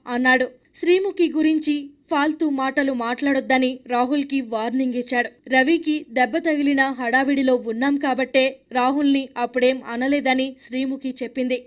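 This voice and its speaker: A woman narrating a scripted news recap in a steady reading voice. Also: high-pitched.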